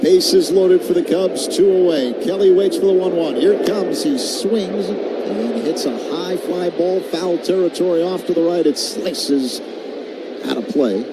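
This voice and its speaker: Calling a live baseball game for radio, a man with a high voice speaks a little slowly in clipped phrases. The action builds his delivery into shouts on big plays, all against constant loud stadium noise.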